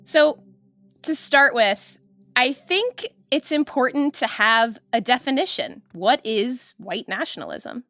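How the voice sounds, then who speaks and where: A woman hosting a podcast in measured, serious scripted narration. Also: on the high side, animated, bright, forceful tone, dry recording. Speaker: podcast host.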